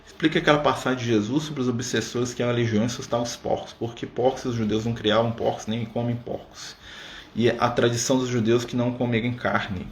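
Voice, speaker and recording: A man leads a casual Spiritist study on a live stream, chatting conversationally and sprinkling his talk with "né?" and "tá?". His mid-range voice is fairly even in intonation and a little fast, recorded with a roomy sound and faint background noise.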